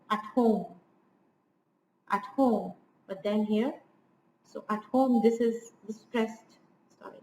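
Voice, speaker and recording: A fairly high-voiced woman talks through a poem like a teacher in front of a class, restarting phrases and checking understanding as she goes. Her voice rings around an echoey room with a faint hiss of noise underneath. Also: darkish tone. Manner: explanatory, frequent restarts and "right?" checks. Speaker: literature teacher. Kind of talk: informal poetry lecture.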